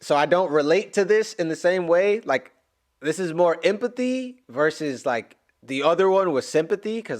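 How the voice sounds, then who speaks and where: A man giving casual reaction commentary to a stage musical, animated, emotional and exclamatory, rambling as he talks. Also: on the high side.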